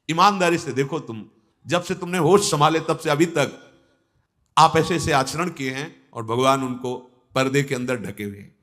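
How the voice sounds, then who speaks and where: A man's voice: on the high side, fairly bright tone. A man giving a devotional discourse as a spiritual teacher, exhorting listeners and quoting scripture verses in a chanting cadence.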